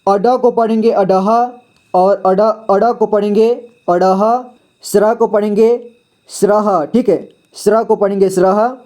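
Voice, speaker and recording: A man teaching children to read Hindi, slowly reading each word twice and asking then answering his own questions in a patient way. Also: high-pitched, fairly even intonation, dark tone. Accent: Indian Hindi. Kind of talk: slow phonics lesson, reading words aloud.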